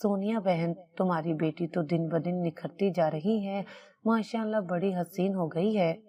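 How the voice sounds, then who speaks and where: A woman's voice: on the low side, fairly even intonation, mellow, natural voice. A woman reading a chatty neighbourhood woman.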